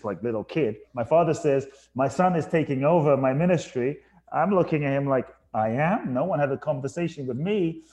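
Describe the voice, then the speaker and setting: A man's voice: medium pitch, mellow. A man from Ghana, a podcast guest, telling his life story earnestly, with some restarts. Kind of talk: casual storytelling interview.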